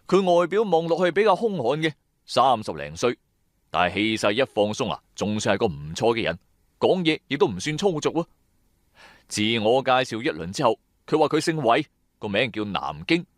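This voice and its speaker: A man narrates a scripted first-person audio drama in Cantonese-accented speech, using a colloquial, dramatic storyteller's delivery full of sentence-final particles. His mid-range voice is sing-song at a moderate pace. The recording is dry with clean studio sound.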